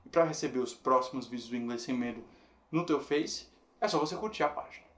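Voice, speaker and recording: A man teaching a video lesson in a patient, explanatory way, slowing down to model how words are said. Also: mid-range voice, fairly bright tone. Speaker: English teacher. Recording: roomy echo.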